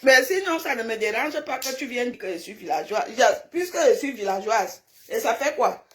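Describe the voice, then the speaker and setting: A slightly high, expressive voice at normal speed belongs to a woman from a francophone African village who answers comments on a casual live stream. She's blunt, scolding and emphatic, repeats herself, and there's slight background noise.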